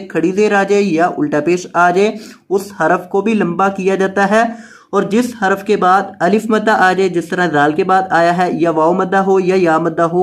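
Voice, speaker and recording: A Quran reading teacher giving a Noorani Qaida lesson, spelling out letters and vowel marks one by one, repeating each word patiently, and explaining the rules in quicker talk. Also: medium pitch.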